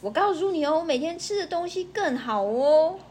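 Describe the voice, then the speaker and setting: A woman's voice: very high-pitched, animated, normal speed, a little mellow, slight background noise, voice pushed up. A woman voicing a small, showy male city mouse who brags about his rich food and big home. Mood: boastful. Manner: bragging, pleased with himself.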